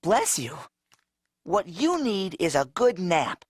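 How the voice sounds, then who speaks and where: Gentle, cheerful cartoon octopus. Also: male voice, sits high, big pitch swings, slow, slightly rough, no room sound, studio quality, heavily acted. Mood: kind. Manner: cheerful, kind and patient. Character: friendly, gentle young male octopus. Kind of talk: cartoon voice acting. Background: cartoon music.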